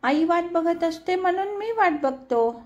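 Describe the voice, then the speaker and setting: A woman's voice: extremely high pitch, lively intonation, unhurried, a little mellow, lo-fi sound, voice pushed up. A woman voicing a curious, talkative little boy who keeps pressing his questions in a storybook reading. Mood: eager. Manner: insistent childish questioning.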